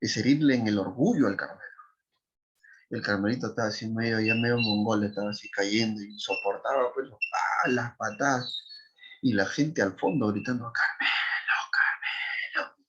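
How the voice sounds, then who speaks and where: A man, a literature teacher, retells a story to his class with lively, animated delivery. He acts out the characters' voices and keeps asking his students questions. The recording is dull and lo-fi. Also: lowish voice, moderate pace.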